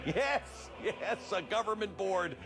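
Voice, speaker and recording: Bombastic Soviet state speaker voiced by a man in a satirical sketch, lively and theatrical. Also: slow pace, music in the background, full character voice. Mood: gloating. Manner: theatrical, mock-solemn, swings high and low. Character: pompous male Soviet state propagandist addressing comrades.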